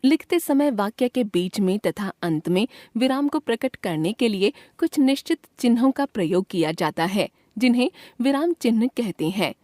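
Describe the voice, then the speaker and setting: A woman reading a grammar lesson aloud from a textbook in a clear, measured way, voicing the example sentences with expression. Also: fairly high pitch, animated, darkish tone, dry recording, clean studio sound.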